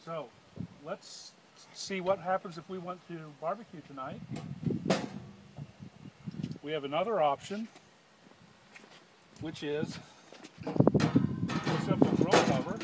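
A man in his fifties gives a chatty product demonstration outdoors, slipping jokes into his sales patter. His voice sits somewhat high for a man. Clicks and passing vehicles come through clearly in the background. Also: slow pace, long pauses. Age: 50s. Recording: audible outdoor background noise.

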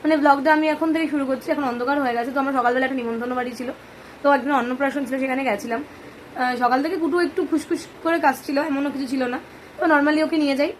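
Hoarse mother vlogging on a phone at home, slightly high voice, chatty and coaxing, noisy room. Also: steady tone, quick pace. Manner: chatty, coaxing her baby in between. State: hoarse from a cold. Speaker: mother vlogging about her sick baby. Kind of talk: casual vlog narration.

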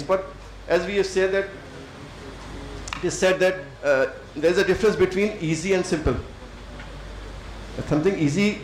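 A middle-aged Indian man with an Indian English accent gives a thoughtful lecture to students, with many fillers and pauses. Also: on the high side, echoey room, slight background noise, rough recording. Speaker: civil servant speaker. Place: lecture hall.

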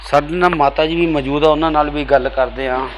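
Man, news reporter, slightly high voice, formal questioning, faint background noise. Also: steady tone, brisk. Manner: formal, questioning, introduces each person. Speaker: reporter, interviewer. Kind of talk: news interview.

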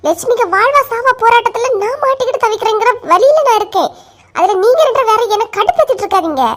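A woman's voice: expressive, fast. A woman with a Kanyakumari Tamil accent, voicing village women in a cartoon comedy. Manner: high pitched, shifts between several voices.

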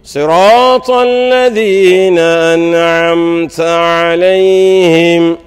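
A man leads prayer on an open stadium field, his voice set high for a man. He stretches each takbir and verse into long melodic lines, smooth and resonant, then drops into brief plain requests to straighten the rows. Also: fairly even intonation, faint music behind. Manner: melodic, drawn-out chanting between brief plain announcements. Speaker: imam leading Eid prayer. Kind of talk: chanted takbir and Quran recitation with spoken instructions. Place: large outdoor stadium field.

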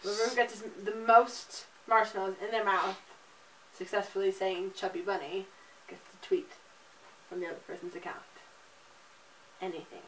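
A woman's voice: medium pitch, fairly even intonation, moderate pace, pauses often, fairly bright tone. A woman in her twenties chatting casually and playfully. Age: 20s. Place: small living room. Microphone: camera across the room. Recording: distant mic, noisy living room.

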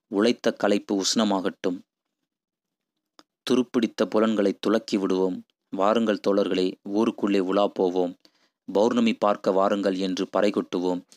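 A man's voice: lowish voice, dry recording, natural voice. A man voicing an impassioned idealist who preaches to villagers in poetic, rousing speech.

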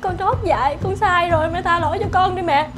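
Actress as young scheming wife, high and sugary, pleading; web drama with music bed. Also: female voice, brisk. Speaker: daughter-in-law. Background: background music.

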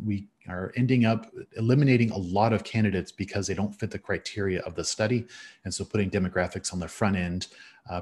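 Middle-aged guy doing a thesis defense on a video call, lowish husky voice, kinda halting and hedging, lots of uhs. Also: darkish tone. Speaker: PhD candidate presenting dissertation defense. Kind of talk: academic slide presentation.

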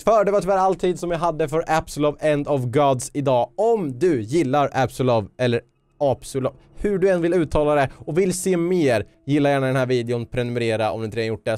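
A man's voice: medium pitch, darkish tone, clean tone, no echo. Swedish-speaking man, jokey gaming commentary. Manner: jokey, chatty, tosses in mock-English quips. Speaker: gaming video host. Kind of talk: casual let's play commentary.

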